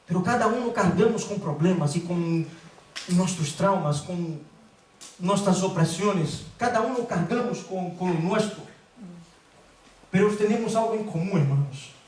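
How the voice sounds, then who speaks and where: A guest preacher with a high, slightly mellow voice delivers an emphatic sermon, repeating words for stress, slowing on key phrases, and switching between Portuguese and Spanish. The mic sits at a distance in an echoey church sanctuary, while the congregation calls out amens.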